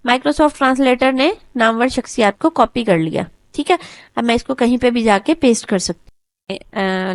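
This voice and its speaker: A woman tutor patiently talking through a screen-recorded software lesson step by step. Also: a little high, no echo. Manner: patient step-by-step explaining, often repeats "okay, done". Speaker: computer tutor.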